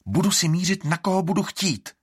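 A man's voice: mid-range voice, big pitch swings, a bit bright, slightly rough, no echo, studio quality, voice pushed up, heavily acted. A man voicing a stern, threatening old village herb woman in an audiobook.

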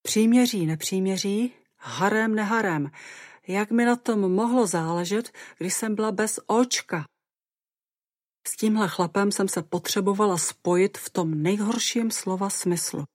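A woman narrating a first-person audiobook in a lively, expressive way. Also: medium pitch, no echo, clean studio sound.

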